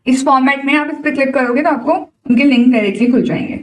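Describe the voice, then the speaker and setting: A young woman coach with an Indian English accent walks students through exam answers, switching between Hindi and English. Her voice sits fairly high and she talks in a direct, encouraging way. She sounds a little distant from the microphone. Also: fast. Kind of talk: online exam-prep lesson.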